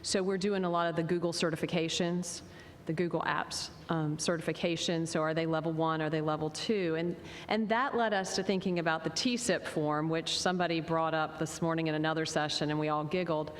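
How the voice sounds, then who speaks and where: Answering a question on a conference panel, a school technology administrator earnestly explains her school's professional development plans. She speaks steadily and a little fast, in a reverberant hall with a faint rumble.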